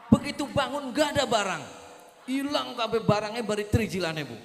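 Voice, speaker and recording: A man's voice: very high voice, fairly quick, gravelly, a little hiss or hum. A man preaching a comic village sermon, telling a story and acting out the dialogue. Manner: animated storyteller acting out dialogue, addressing mothers. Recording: echoey hall with long reverb.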